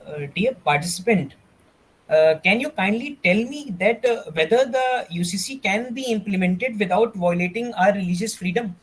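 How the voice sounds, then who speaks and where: Male contest judge, Indian accent, notably high voice, polite and halting formal questioning. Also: animated, husky, low-quality recording. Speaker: competition judge asking questions.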